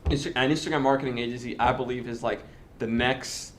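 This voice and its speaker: His mid-range voice has fairly even intonation, with slight background noise behind it. The host, a Dominican native Spanish speaker in his twenties, talks fast and casually through an interview and tutorial, using many fillers and restarts.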